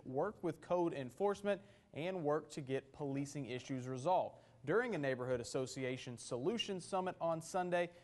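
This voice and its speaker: A man anchoring a local evening newscast with steady, scripted delivery. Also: on the high side. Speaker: news anchor.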